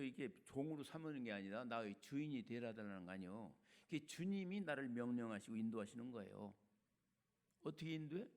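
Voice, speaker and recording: With a fairly high pitch, an older retired senior pastor delivers a chatty, colloquial sermon. He alternates between booming emphasis and softer asides.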